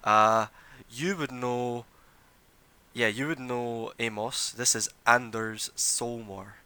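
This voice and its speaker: A man's voice: medium pitch, fairly even intonation, slow pace, pushed and bright, clear, resonant tone. A man narrating a tabletop game as game master, in a loose, rambling way. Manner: loose, rambling, full of fillers and restarts.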